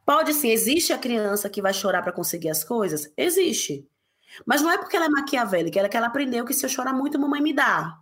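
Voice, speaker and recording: Passionate woman, high voice. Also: very animated, fast talker, a bit bright. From interior of Bahia, Brazil. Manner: emphatic, passionate, sweeping pitch jumps. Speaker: guest, parenting author. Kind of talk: conversational interview.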